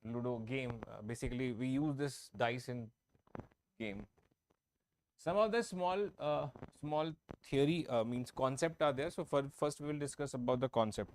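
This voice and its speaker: Teaching an online exam-prep math class on his own microphone, a man explains every step, repeats himself and often checks that students follow. His mid-range voice is a little mellow at a moderate pace, with slight hiss or hum.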